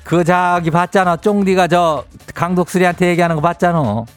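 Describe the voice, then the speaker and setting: A man's voice: high voice, normal speed, clean tone, soft background music. A man with a Chungcheong Korean accent hosting a radio show, reading listener messages aloud and giving teasing, homespun advice in a drawling, folksy way. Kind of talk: folksy radio call-in chat.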